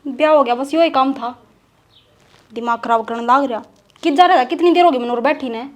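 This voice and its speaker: An actress playing a sulky, quick-tempered young wife who scolds her husband in a Haryanvi accent. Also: high voice, lightly acted. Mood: sulking.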